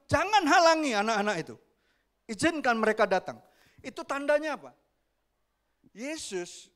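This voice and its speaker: A man preaching a sermon as pastor, lively and often asking the congregation questions. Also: high-pitched. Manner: animated, asks the congregation questions, acts out quoted voices.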